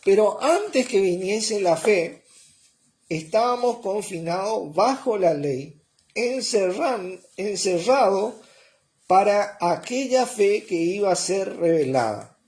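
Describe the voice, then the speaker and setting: A man with a high, animated, slightly mellow voice preaches a sermon slowly, explaining as he goes. He often checks on his listeners with a quick "¿eh?" or "¿mm?"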